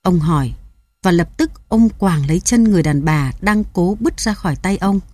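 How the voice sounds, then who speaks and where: A woman reading a short story aloud in a steady, measured storytelling voice. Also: fairly low pitch, dry recording. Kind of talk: audiobook narration of a short story.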